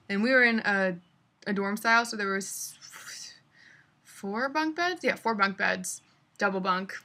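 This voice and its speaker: Young woman telling travel stories in a vlog; bright tone, easy filler-heavy chat. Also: medium pitch. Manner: chatty, lots of fillers. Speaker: vlogger. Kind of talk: casual travel vlog storytelling.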